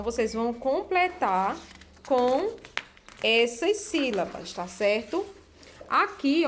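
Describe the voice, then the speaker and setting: A woman teacher talks young pupils through a workbook page with a patient, repetitive delivery. She stretches out key words slowly so the children can hear each sound. Her voice sits a little higher than most. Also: a bit bright, a little hiss or hum. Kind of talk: explaining a textbook exercise to children.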